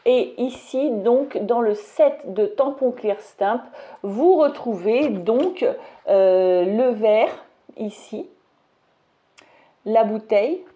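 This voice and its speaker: Her voice is a little high and mellow, though the highs are cut off in the audio. She's a vlogger at her home table, chatting loosely through a craft stamp haul and demo and poking fun at herself as she rambles.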